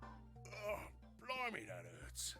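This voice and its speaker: An actor voicing a chatty, cheeky working-class male robot in a video game, with a broad Cockney accent and rough, slangy speech. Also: sits high, huge pitch swings, extremely slow, sharp tone, full character voice. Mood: grumbling. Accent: Cockney English. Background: game music.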